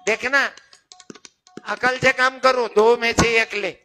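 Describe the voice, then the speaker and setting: A man's voice: very high voice, steady tone, takes it slowly. An older man, preaching a folk kirtan and teasing his audience. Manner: chatty, teasing, calls on audience members. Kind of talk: devotional folk sermon with audience. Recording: loud accordion music behind.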